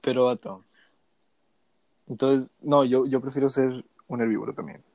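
A man's voice: medium pitch, steady tone, normal speed, a little mellow, dry recording. A young man with a Mexican Spanish accent, co-hosting a casual podcast in an easygoing, musing way. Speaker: podcast co-host.

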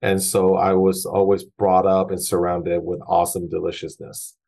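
Speaking at a normal speed in a low, gravelly yet mellow voice with little pitch movement, a Taiwan-born chef in his forties appears as a guest in a relaxed interview. He hesitates often, filling pauses and restarting his sentences.

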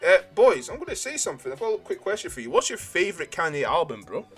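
Young male, fairly high voice, very lively intonation, repetitive excitable banter, faint music. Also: fast talker, breathy edge. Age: young adult. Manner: excitable, repeats phrases. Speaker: podcast co-host. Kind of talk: casual banter.

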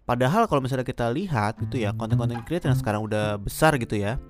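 A man's voice: medium pitch, expressive, fast. Man with a slight lisp, podcasting. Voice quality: slight lisp, slurred r sounds. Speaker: podcast host. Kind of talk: casual solo podcast talk giving opinions.

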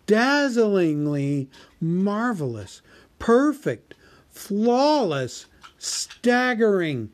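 A man voicing a small, frightened male hobbit who flatters nervously in a storybook reading, with a high squeaky voice. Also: measured pace. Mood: flattering.

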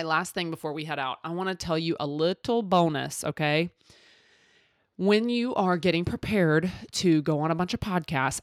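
A woman's voice: lowish voice, no room sound, clean studio sound. A woman with an accent from the American South hosting a podcast, giving informal, direct advice straight to the listener. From Mississippi, southern United States. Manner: informal and direct, coaching the listener with rhetorical check-ins. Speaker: podcast host.

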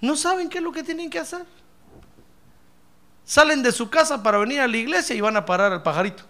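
A man's voice: very high voice, lively intonation, a little fast, sharp tone. A man preaching a sermon as pastor, telling humorous stories and acting out his congregants' voices.

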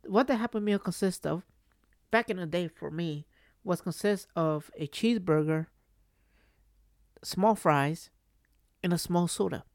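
A woman's voice: lowish voice, measured pace, long pauses, darkish tone, no echo, studio quality. A woman hosting a solo podcast, telling stories casually in a rambling way that circles back and repeats phrases. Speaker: podcast host.

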